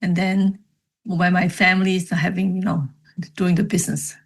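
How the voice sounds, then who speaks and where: A woman's voice: fairly low pitch, level tone, normal speed, vocal fry. A middle-aged woman from Cambodia, a book author, recalling her childhood in a reflective, casual interview with many fillers. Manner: reflective, storytelling with frequent fillers. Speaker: author and podcast guest.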